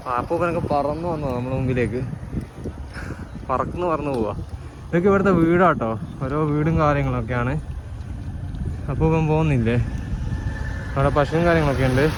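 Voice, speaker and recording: A Malayali man chatting casually as he narrates a cycle tour, pointing out sights along the road. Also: a little high. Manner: chatty, pointing things out as he rides. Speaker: cycle touring vlogger. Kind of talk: casual travel vlog narration. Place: outdoors on roads while cycling. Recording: noisy outdoor traffic and wind. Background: traffic and wind.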